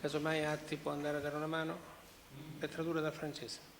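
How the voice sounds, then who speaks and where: Guy running a conference panel, telling the speaker what to do, kinda high voice, super echoey hall. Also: monotone, brisk. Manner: directive, organizing, with restarts. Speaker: conference moderator. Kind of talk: chairing a session. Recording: echoey hall, faint hiss.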